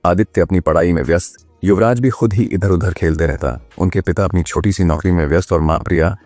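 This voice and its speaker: A man narrating a scripted moral story in an earnest, steady voice. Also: low voice, a little fast, no room sound. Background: faint background music.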